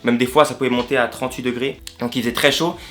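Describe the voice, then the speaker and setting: A man from France talks to his viewers in a quick, easygoing vlog style. He leans on slang and keeps circling back to rephrase what he just said, with soft guitar music playing faintly behind him. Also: medium pitch, fairly even intonation. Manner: slangy, repeats and rephrases himself. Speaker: vlogger. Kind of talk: casual storytelling vlog.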